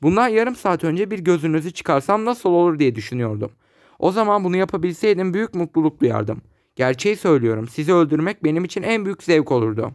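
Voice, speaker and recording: A man's voice: a little high, expressive, quick pace, no room sound, studio quality, natural voice. A man reading aloud, voicing a young lawyer who speaks with tense, resentful anger to his rival. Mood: bitter. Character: young lawyer, bitter and seething with hatred.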